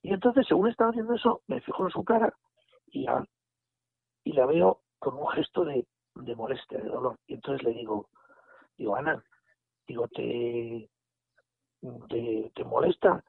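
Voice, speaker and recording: A man, telling a story in a casual, animated way and acting out the dialogue. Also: mid-range voice, moderate pace, creaky, pauses often, slightly rough, no room sound. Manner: animated retelling with quoted dialogue and restarts. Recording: phone line audio.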